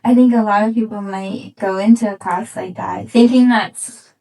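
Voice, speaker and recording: A woman's voice: mid-range voice, fairly even intonation, normal speed, a little mellow, far from the mic, poor audio. A woman hosting a podcast interview, asking questions in a friendly, encouraging way. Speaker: podcast host.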